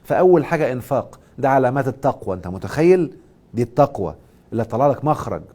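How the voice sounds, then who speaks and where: A man with an Egyptian accent hosting a live stream, giving a motivational and religious talk and answering viewers' questions. He stresses points loudly, then drops to soft asides. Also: mid-range voice, lively intonation, fast talker, breathy edge. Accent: Egyptian Arabic. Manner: emphatic, swings between loud stress and soft asides. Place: live social media stream.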